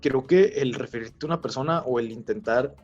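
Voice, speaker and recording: A man's voice: mid-range voice, a little fast, darkish tone. Young mexican guy rambling on a podcast, lots of slang and fillers, kinda muffled sound. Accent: Mexican Spanish. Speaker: podcast co-host. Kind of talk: casual chat. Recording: slightly dull sound with faint music.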